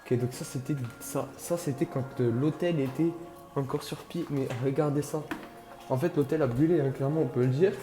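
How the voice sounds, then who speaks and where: A man's voice: medium pitch, fairly even intonation, moderate pace, roomy sound. A man giving casual, slangy running commentary as he explores a place, speaking to his viewers with awe. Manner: slangy, awestruck, addresses viewers. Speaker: vlog host. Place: exploring inside and around an abandoned building. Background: music.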